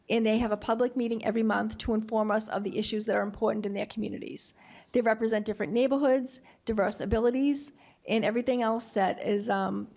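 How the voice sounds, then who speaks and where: A woman's voice: on the high side, creaky. A woman hosting a community forum as a city official, delivering a welcome speech.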